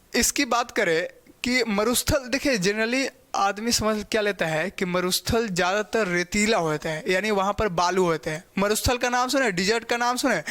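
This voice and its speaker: Guy teaching geography in a high voice, goes slow and keeps asking "okay?". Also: a bit bright. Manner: explains step by step, often checks in with "okay"; spells out pronunciation slowly. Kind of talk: classroom geography lecture.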